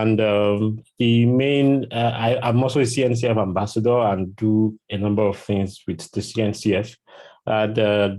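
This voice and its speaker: A man hosting an online community meeting, talking in a relaxed way with many fillers over a video call. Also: lowish voice. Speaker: host.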